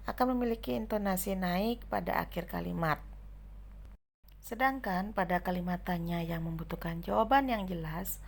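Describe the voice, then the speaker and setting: A woman's voice: medium pitch, creaky. A young adult woman teaching a grammar lesson, listing examples one by one.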